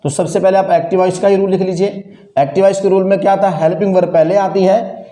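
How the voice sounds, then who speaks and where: A man's voice: high-pitched, flat delivery, fast talker, dark tone, echoey room. A male English grammar teacher, lecturing classroom-style, drilling students with repeated questions.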